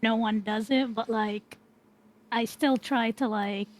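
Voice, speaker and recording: A woman guest on a casual podcast, speaking hesitantly with many pauses and fillers. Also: a little high, steady tone.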